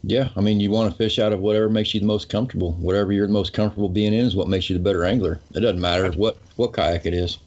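Easygoing low-voiced male co-host, casual chat, muffled recording. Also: fairly even intonation, rapid-fire, few pauses, a little mellow. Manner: easygoing, enthusiastic, says "you know" often. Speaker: co-host of fishing show. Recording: muffled lo-fi audio.

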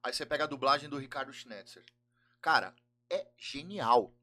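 A man's voice: mid-range voice, lively intonation, moderate pace, sharp tone. A Brazilian man with a Brazilian Portuguese accent, a podcast guest chatting casually and explaining things at length with enthusiasm.

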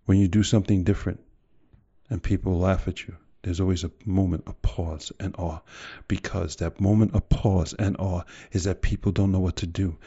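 A man's voice: low-pitched, fairly even intonation, normal speed, dark tone, breathy edge, highs cut off. A man delivering a motivational speech in an emphatic, direct way, full of rhetorical questions and repetition. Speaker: motivational speaker.

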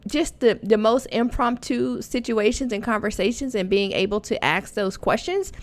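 A woman who teaches photography and founded a conference speaks casually as a podcast guest, thinking aloud informally with lots of "you know" and "like." Her voice is on the high side and her pace normal.

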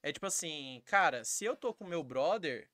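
A man's voice: fairly high pitch, normal speed, no room sound, studio quality. A Brazilian man chatting casually on a podcast, telling stories and acting out the people in them. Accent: Brazilian Portuguese. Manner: animated storyteller acting out quotes.

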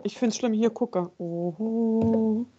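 A woman's voice: on the high side, slow, muffled recording, background noise. A woman co-hosting a podcast in casual chat, chatty, laughing easily and sometimes searching for words. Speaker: podcast co-host.

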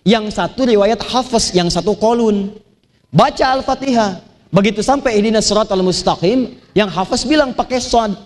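High-voiced male preacher. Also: moderate pace. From Banten, Indonesia. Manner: lively storytelling, chanting Quranic verses. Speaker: Islamic preacher. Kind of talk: sermon to a live audience.

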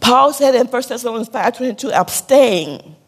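Speaking in a large hall, a woman preacher uses a fairly high, breathy voice with lively intonation at normal speed. Her sermon relies on call-and-response questions and repeated key points. She lowers to a soft, hushed tone while telling a sad story.

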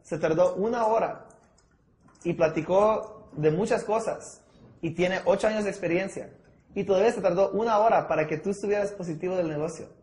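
High-voiced energetic male sales trainer. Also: fairly quick. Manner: energetic, coaching, mixes English words into Spanish. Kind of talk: sales training talk with role-play. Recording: echoey room.

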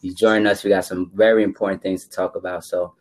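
A man's voice: low voice, level tone, quick pace, darkish tone. A man in his twenties chatting casually as a podcast co-host, repeating phrases for emphasis. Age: 20s. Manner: emphatic, repeats himself for stress. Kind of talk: casual chat.

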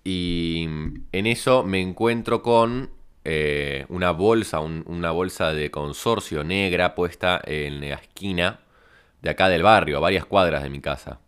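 A man with a Rioplatense Spanish accent telling a rambling comic story in a deadpan way. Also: low voice, measured pace, smooth. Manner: deadpan, rambling, absurd tangents. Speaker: podcast host.

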